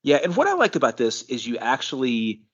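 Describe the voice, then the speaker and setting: A man's voice: mid-range voice, huge pitch swings, a bit bright, husky. Man recapping wrestling in slightly dull audio. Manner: measured, analytical, with frequent fillers. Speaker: co-host of a wrestling news show. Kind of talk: casual show recap commentary.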